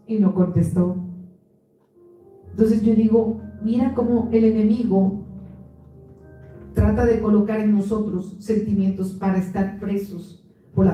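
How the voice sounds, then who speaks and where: A woman's voice: mid-range voice, dark tone. A woman pastor giving an earnest sermon. She often restarts words and acts out the voices she quotes. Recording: echoey church room, mic at a distance, faint music.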